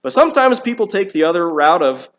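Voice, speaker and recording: Man, preacher, sermon, church, fairly high voice, chatty, restarts and asides. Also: sing-song, quick pace, fairly bright tone. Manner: conversational, with frequent restarts and asides. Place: church sanctuary.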